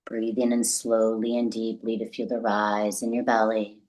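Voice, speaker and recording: A meditation is led by a woman whose voice is notably deep and low. She speaks softly and with care, pausing at length between phrases, giving calm and soothing directions. The audio is poor.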